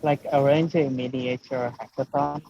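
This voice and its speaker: A man's voice: mid-range voice, flat delivery, moderate pace, vocal fry, mellow, highs cut off. A young man talking casually in a meeting over a choppy online call that cuts out and sounds like a wind tunnel. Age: young adult. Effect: choppy online connection, cutting out, wind-tunnel sound. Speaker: student group member. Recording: noisy, garbled online call, cutting out.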